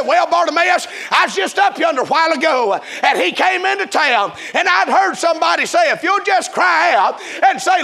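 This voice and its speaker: A man preaching a revival sermon in a chanting, shouting cadence. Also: very high voice, creaky.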